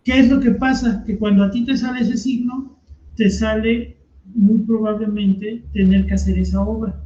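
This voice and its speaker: A man lectures in an easy, conversational way, asking and answering his own questions as he teaches. His voice sits high for a man. The sound is roomy and somewhat dull, like a lo-fi recording. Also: dark tone, slight background noise. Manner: conversational, frequent rhetorical questions. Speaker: teacher leading a commented reading. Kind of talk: explanatory lecture.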